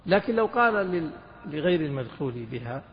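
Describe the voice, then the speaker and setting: A man's voice: on the high side, sing-song, brisk. A man teaching Islamic jurisprudence in a classroom lecture, dictating notes to his students and quizzing them with questions. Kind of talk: classroom lecture on a fiqh text. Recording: muffled lecture recording with hall reverb.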